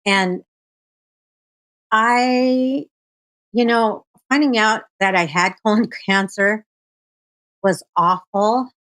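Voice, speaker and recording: Halting, emotional woman telling her story. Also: medium pitch, a bit bright, no room sound, rough recording. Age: 40s. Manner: halting and emotional, full of fillers and restarts. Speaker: guest. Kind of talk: personal story in a live-stream interview.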